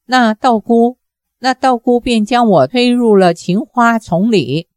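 A woman's voice: a little high, measured pace, darkish tone, dry recording, studio quality, close to an everyday voice. A woman voicing a frightened young daughter who stammers and hesitates. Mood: hesitant.

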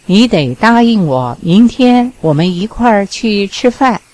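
A woman's voice: mid-range voice, sing-song, unhurried, darkish tone, low-quality recording. Woman reading as a teasing young charmer. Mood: coaxing. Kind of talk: audiobook reading.

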